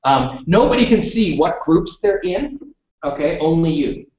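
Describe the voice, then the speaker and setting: A man's voice: on the high side, expressive, measured pace, darkish tone. Man presenting in an echoey room from afar. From British Columbia, Canada. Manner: chatty, keeps checking in with "okay?". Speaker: workshop presenter. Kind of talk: live classroom presentation. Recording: roomy, distant, dull room recording.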